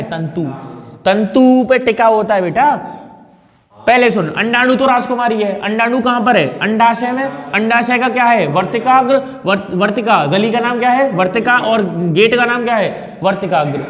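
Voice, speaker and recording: Male tutor, high pitch, echoey room; repeats terms, quizzes students, corrects slips. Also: moderate pace. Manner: repetitive drilling, questions and corrections. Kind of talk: classroom teaching with call-and-response drills.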